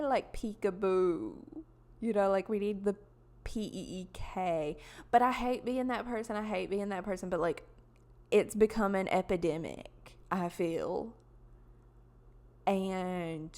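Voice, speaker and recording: Young woman with a twang, podcast host, slow and meandering, lots of "like" and "um". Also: medium pitch, darkish tone. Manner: rambling, chatty, lots of fillers and laughs. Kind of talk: casual solo podcast chat.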